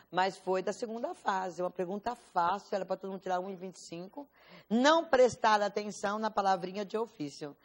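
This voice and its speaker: A woman's voice: mid-range voice, a bit bright. A Brazilian Portuguese woman teaching a law class, quizzing students with rhetorical questions and stressing key words. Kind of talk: classroom lecture.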